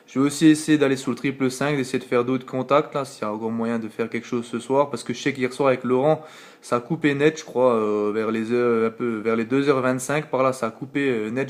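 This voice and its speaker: His voice is mid-range and steady, a little fast, with a French accent, as this CB operator rambles casually through a late-night radio contact, filling gaps with filler words. He talks into his radio mic at home, filmed on a phone.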